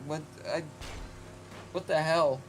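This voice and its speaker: Male co-streamer, teasing and snarky, slightly higher voice, soft music underneath. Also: steady tone, takes it slowly. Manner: sarcastic, teasing, jokes at the game's expense. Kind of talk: casual game stream banter.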